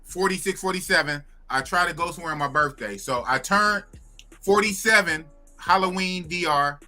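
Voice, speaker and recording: High-voiced fifty-something man, bright and slangy. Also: moderate pace, soft background music. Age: 50s. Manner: loose, repetitive, slangy questioning. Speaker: host. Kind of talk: casual chat.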